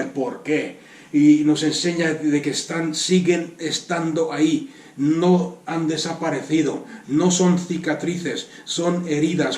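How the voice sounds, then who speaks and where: Spanish man, fairly high voice, preaching a sermon from a distance in a roomy church hall. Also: darkish tone. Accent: Spanish from Spain. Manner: earnest, repeats words for emphasis, asks the congregation rhetorical questions. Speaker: pastor.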